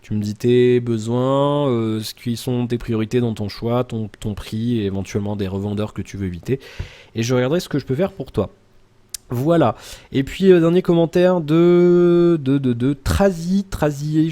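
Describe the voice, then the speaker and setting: A man's voice: mid-range voice, moderate pace, dark tone. A man chatting casually in a daily vlog, answering viewer comments in a rambling way with many fillers and restarts, talking straight to the viewer. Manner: addresses the viewer informally.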